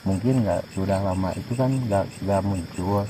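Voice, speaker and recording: Man, slightly low pitch, hesitant repeated words, casual local account, clear night insect noise. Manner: hesitant, halting with repetitions. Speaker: local resident being interviewed. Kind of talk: casual recounting. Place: outdoors at night.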